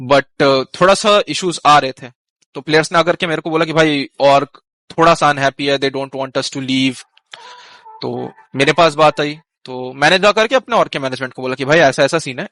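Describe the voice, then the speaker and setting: A man's voice: fairly high pitch, fairly bright tone, no room sound. A man recounting a team dispute on a live stream in casual Hinglish, mixing English phrases into his Hindi. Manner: conversational storytelling, with fillers and restarts. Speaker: esports team manager.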